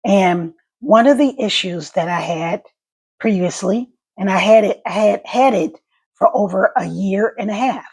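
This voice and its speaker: A woman with a gargly, wet-sounding, husky voice, talking casually to her viewers in a vlog with a slight stutter. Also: mid-range voice, a little mellow. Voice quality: gravelly, husky. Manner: slightly stuttering, halting speech. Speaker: vlogger and stroke survivor.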